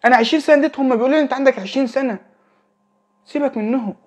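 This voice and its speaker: Here a teenage religious advice speaker, late teens and Egyptian Arabic-accented, talks casually, repeating himself and checking on his listener. He delivers it rapid-fire in a very high, slightly mellow voice.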